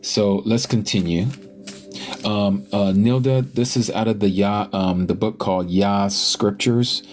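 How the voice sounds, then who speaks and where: Low-voiced man reading scripture aloud. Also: fairly even intonation, a little slow, slight background noise. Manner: reflective, thinks aloud, stops to check and look up words. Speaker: online scripture study host.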